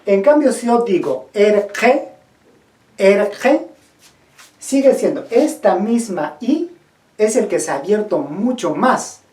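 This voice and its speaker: Lively woman teaching from off-mic in an echoey room. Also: mid-range voice, measured pace, recorded from a distance. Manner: asks the viewer questions, models pronunciations. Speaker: teacher of Quechua linguistics. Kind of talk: explanatory video lesson. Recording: roomy echo, voice from off-mic.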